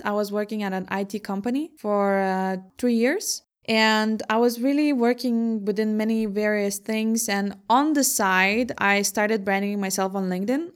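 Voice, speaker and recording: A young woman from Lithuania talks through her work as an entrepreneur in an interview. She answers in a measured, thoughtful way and laughs easily, with a voice of middling pitch for a woman.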